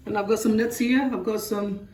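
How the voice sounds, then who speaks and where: A woman's voice: medium pitch, fairly even intonation, moderate pace, darkish tone, distant mic. Congested woman with a sore throat, roomy sound. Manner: informal, addresses viewers directly as guys. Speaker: home cooking vlogger. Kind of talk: casual cooking demonstration. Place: home kitchen. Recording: roomy kitchen, off-mic, with noise.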